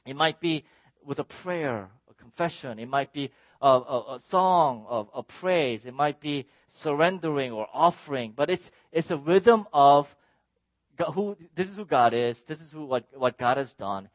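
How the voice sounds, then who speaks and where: A man preaching a sermon in an animated way, sometimes shouting exclamations to make a point. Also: on the high side, moderate pace, no echo, highs cut off. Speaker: pastor.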